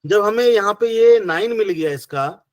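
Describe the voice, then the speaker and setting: Male teacher, Hindi accent, high-ish voice, patient step-by-step explainer, dry close sound. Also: expressive, normal speed, no room sound. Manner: patient, step-by-step, repeating rhetorical questions. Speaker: acupressure teacher. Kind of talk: online class explanation.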